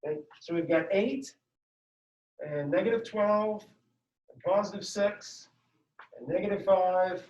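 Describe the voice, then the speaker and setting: A man's voice: sits high, a little slow, pauses often, a little mellow. A male math teacher giving a classroom lecture, upbeat and walking students through each step. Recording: dull echoey room sound from far off.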